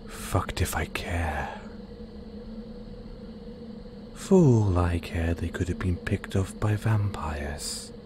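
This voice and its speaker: A deep-voiced man takes the role of a werewolf in an audio roleplay, playful, threatening and possessive. He teases the listener in a breathy, predatory half-whisper, and the mood comes across as callous.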